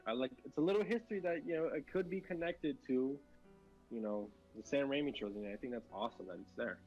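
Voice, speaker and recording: A man's voice: mid-range voice, fast, a little mellow, dull audio, soft background music. Rambling man in casual gaming chat. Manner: rambling, many fillers and restarts. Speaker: co-host.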